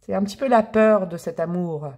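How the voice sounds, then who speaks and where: A chatty woman reading tarot cards straight to her viewers in a loose, playful manner. She talks at a middling pitch, tosses in fond nicknames for her audience, and keeps the tone easy and conversational. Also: a little fast, dark tone. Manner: chatty and playful, with affectionate pet names. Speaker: tarot reader. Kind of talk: casual tarot reading to camera.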